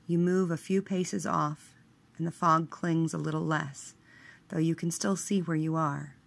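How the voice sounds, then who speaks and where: A woman guides a scripted meditation in a measured, hushed way, letting the ends of her phrases trail off. Her voice sits low, with a steady tone and vocal fry.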